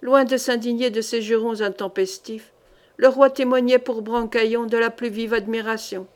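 A woman with a fairly high voice reads a historical novel for an audiobook, narrating at a steady, measured pace.

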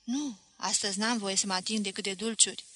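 A woman's voice: medium pitch, fairly even intonation, bright, forceful tone. Woman voicing a proud young Tatar boy.

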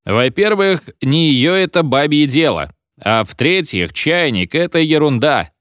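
A man voicing a pompous, bossy old professor who lectures and shouts orders at his class. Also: on the high side, animated, a little slow, no echo, studio quality, voice pushed up. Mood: lecturing. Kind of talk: audiobook reading.

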